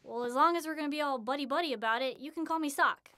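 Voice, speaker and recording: A woman voicing a friendly, eager young male demon in an animated short, chatty and stammering when flustered. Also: high-pitched, fast talker. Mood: curious.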